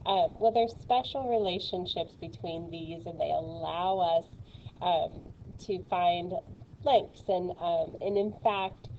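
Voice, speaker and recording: A woman's voice: on the low side, takes it slowly, darkish tone, lo-fi sound, a little hiss or hum. A woman teaching a recorded math lesson, chatty and playful, with lots of fillers.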